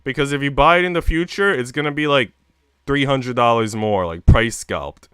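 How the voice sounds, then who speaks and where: A man livestreams and chats casually with his viewers, rambling, using slang, and swearing now and then. His voice is medium-pitched, fairly bright, clear and resonant, at normal speed. The recording is dry and studio quality.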